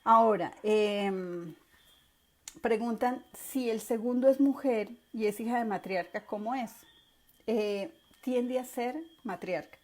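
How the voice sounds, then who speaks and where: A woman's voice: fairly high pitch, slow. A woman teaching an online course, explaining and acting out quoted parents and children. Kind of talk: virtual class lecture.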